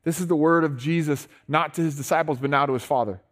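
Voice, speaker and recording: A man's voice: on the high side, fast. A man with a slightly raised voice delivers a sermon. He talks to his listeners in an earnest, conversational way, restarting words and pressing them to listen. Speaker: preacher.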